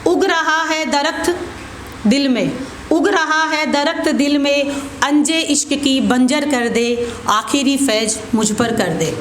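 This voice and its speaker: A woman with a high voice performs spoken Hindi-Urdu poetry at an open mic, introducing pieces informally and repeating certain lines on purpose. The recording picks up the room's echo along with distinct background noise.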